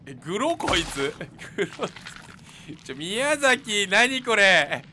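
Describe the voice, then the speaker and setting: Excitable high-voiced man doing game commentary. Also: slow pace, a little hiss or hum. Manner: jokey, talks to enemies, yells in panic. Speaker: game streamer.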